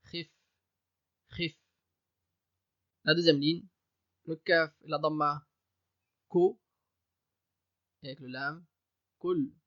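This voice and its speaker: Bright-voiced man teaching slowly. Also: on the high side, no room sound, muffled recording. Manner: patient, repeats each syllable twice. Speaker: Arabic reading teacher. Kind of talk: step-by-step reading lesson. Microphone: USB desk microphone.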